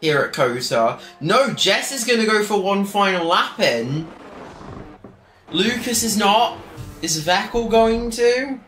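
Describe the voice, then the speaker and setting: A man's voice: high voice, very animated, takes it slowly, a bit bright. A man giving chatty, joking, off-the-cuff live commentary on a sim race from his home streaming setup. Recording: roomy echo, faint music behind.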